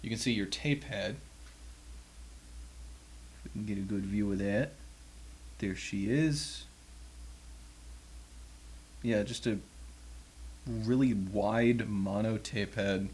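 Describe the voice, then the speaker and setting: A lowish, darkish-toned man takes it slowly and pauses often while casually demonstrating vintage audio equipment hands-on, unscripted, wry and self-deprecating; the audio quality is poor.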